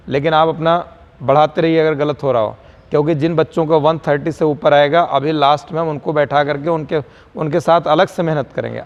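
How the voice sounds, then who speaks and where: A man teaching a physics lecture, dictating the problem slowly word by word and adding motivational asides to his students. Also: fairly high pitch, long reverb tail, lo-fi sound. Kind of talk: online lecture.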